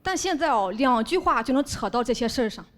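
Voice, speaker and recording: A woman doing a stand-up comedy set on stage, telling family stories in a wry, deadpan way. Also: high voice, fast. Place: stage before a live audience.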